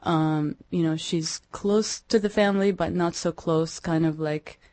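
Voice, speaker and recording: A young woman from Iraq, a musician guest in an interview, speaking hesitantly with many pauses and restarts. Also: deep voice, steady tone, darkish tone, no room sound. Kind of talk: radio interview.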